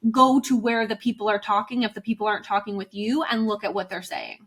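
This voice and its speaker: A woman business coach talks through her advice in a relaxed interview. She speaks in a chatty, informal way and fills her sentences with "like" and "you know." Her voice sits at a middle pitch. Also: quick pace. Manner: chatty, explains with many fillers like "like" and "you know". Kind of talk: casual interview chat.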